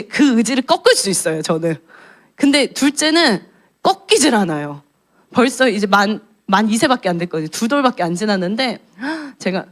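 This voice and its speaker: Female junior pastor, 30s, candid conversational preacher, slightly high and animated voice. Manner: candid, storytelling tone. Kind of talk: conversational sermon.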